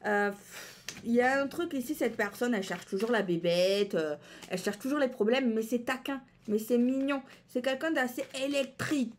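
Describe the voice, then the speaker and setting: A fairly high-voiced woman reads tarot cards in a loose, chatty way. She muses aloud, repeats her phrases and fills pauses with hesitations. A faint hiss sits under the recording. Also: a little mellow. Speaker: tarot card reader. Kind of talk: casual tarot reading to camera.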